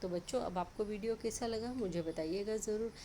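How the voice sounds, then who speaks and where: A woman teacher, patiently explaining a lesson to children and slowly sounding out syllables. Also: mid-range voice, mellow, a little hiss or hum.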